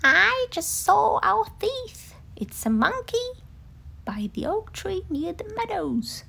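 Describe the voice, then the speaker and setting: A woman voicing a wise old male storybook owl who takes charge with drawn-out, emphatic delivery. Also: very high-pitched, sing-song, creaky, bright, forceful tone, voice pushed up, full character voice. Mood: urgent.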